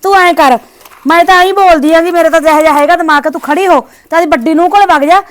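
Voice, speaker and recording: A woman's voice: extremely high pitch, fast talker. A woman playing a cold, nagging daughter-in-law who scolds and dismisses her mother-in-law. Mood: harsh. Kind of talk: village short-drama acting.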